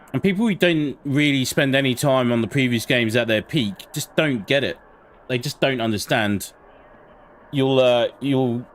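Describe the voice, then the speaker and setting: A gaming livestreamer with a mid-range voice chats casually while playing a shooter game, swearing bluntly whenever he gets frustrated. There's slight background noise.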